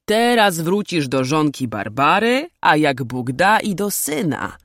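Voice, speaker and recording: A woman voicing a gruff, weary old male knight who talks firmly in old-fashioned speech. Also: low-pitched, sing-song, slow, a bit bright, no echo, studio quality, exaggerated voice. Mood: stern. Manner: firm, archaic speech.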